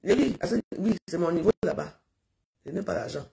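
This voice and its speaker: A woman's voice: on the low side, lively intonation, brisk, vocal fry, warm tone. A middle-aged woman from Cameroon, talking in a rambling, pleading live-stream monologue that repeats itself.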